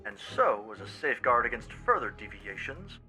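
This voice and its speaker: A man reading a scheming, controlling male president through a voice changer, in a formal, measured and coolly commanding way. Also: medium pitch, big pitch swings, sharp tone, soft background music, poor audio. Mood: cold, formal. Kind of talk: streamer voicing game dialogue.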